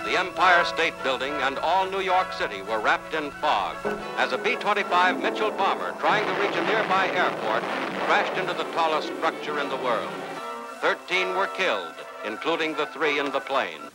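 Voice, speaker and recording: A man's voice from an old newsreel soundtrack, pitched a little high and swooping up and down as he announces the news. His delivery is brisk and declamatory in the 1940s style, with music playing under him. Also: big pitch swings, poor audio.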